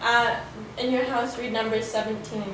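Young woman interpreting a sermon slow and flat, faint music, echoey far-off mic. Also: on the high side, slight background noise. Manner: hesitant, with fillers and restarts while interpreting. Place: living room set with framed pictures. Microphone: far camera.

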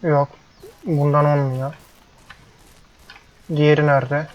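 With a slow pace and level tone, a young man with a voice on the high side grumbles frustratedly at the animals while playing a ranch game. It's casual let's-play commentary for his gameplay channel. His headset microphone sounds dull and lo-fi, with faint noise.

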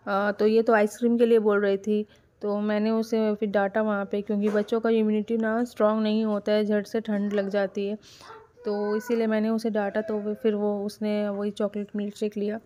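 A woman's voice: mid-range voice, monotone, normal speed, mellow. A woman giving a casual voice-over for her family vlog, chatty and rambling, with frequent fillers and restarts. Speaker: family vlogger.

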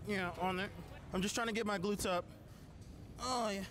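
Man, high voice, playing dumb and whiny, prank in a gym, noisy background. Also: steady tone, normal speed, fairly bright tone. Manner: feigning a clueless, whiny gym-goer. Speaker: prank YouTuber. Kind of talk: in-character prank talk. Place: indoor gym.

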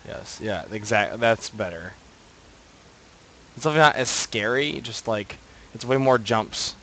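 Streaming a horror game live, this man talks through it in a lowish, slightly slow voice with a bit of brightness. He's jumpy, swears constantly, and pleads with others to take over.

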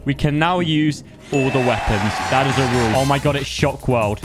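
A young man giving loud, teasing gameplay commentary and bantering with strangers, breaking into sudden excited shouts. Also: medium pitch, normal speed, loud music behind the voice. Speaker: gaming YouTuber.

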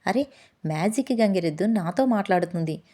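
Woman playing a loud, mischievous little girl. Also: medium pitch, expressive, close to an everyday voice. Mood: excited. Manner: shouts in alarm, quick to blurt. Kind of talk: children's storybook reading.

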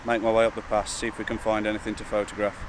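A man, talking casually and a little hesitantly to camera as a wildlife vlogger, outdoors beside rushing water. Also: fairly low pitch, completely flat delivery. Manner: informal, hesitant and chatty. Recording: outdoor wind, rushing water and traffic noise.

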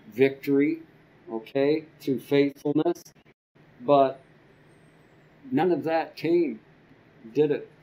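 An older man teaching a church Bible class from a podium, slow and halting with frequent ums and repeated words. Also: medium pitch, warm tone, rough recording. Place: church classroom with a projector screen. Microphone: podium microphone.

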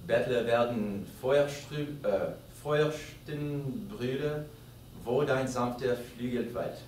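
A man reads verse aloud at a careful, measured pace and stumbles now and then. He is well away from the mic in an echoey hall, with faint noise behind him. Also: medium pitch, a little mellow, recorded from a distance. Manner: careful, measured reading with small slips. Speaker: volunteer reader in the audience.

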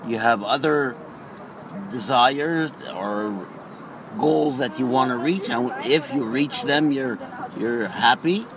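An older man sitting in a car, answering a street interview slowly and thoughtfully, repeating himself as he goes. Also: medium pitch, a crowd in the background, rough recording. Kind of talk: street vox pop answer. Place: seated in a car, street outside. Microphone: handheld phone held to car window. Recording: street traffic noise.

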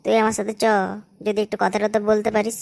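A woman's voice: medium pitch, completely flat delivery, fast talker, creaky, darkish tone. A woman voicing a pushy young man in a cartoon, urging his friend along in an insistent, bossy way. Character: pushy young village guy, nagging friend. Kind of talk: animated cartoon voice acting.

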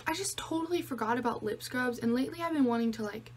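A woman's voice: on the high side, quick pace, a little hiss or hum. A teenage girl chatting casually to her phone camera in her bedroom, rambling with lots of "like" and "I don't know". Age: teens. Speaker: vlogger. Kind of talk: casual vlog chat. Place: bedroom, indoors. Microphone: phone camera at arm's length.

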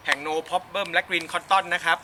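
A man's voice: high voice, flat delivery, takes it slowly, sharp tone. A man speaking for an ice bucket challenge video, exclaiming breathlessly as if in ice cold water. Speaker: company steel seller taking a charity challenge. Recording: noisy amateur video with background noise.

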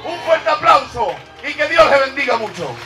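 A man preaching an emphatic exhortation at a church service, shouting the key lines. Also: very high-pitched, sing-song, normal speed. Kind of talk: sermon exhortation. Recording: distant mic with music behind.

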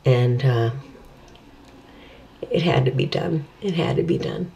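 A middle-aged woman speaking with new dentures in a casual video diary, halting and repeating her words as she thinks aloud. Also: very deep voice, creaky, mellow, dull audio, a little hiss or hum. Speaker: vlogger.

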